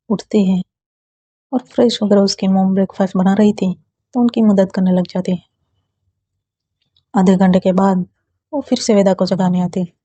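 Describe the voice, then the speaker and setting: Slow husky woman storyteller. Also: medium pitch, warm tone, dry recording, lo-fi sound. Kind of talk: scripted story narration.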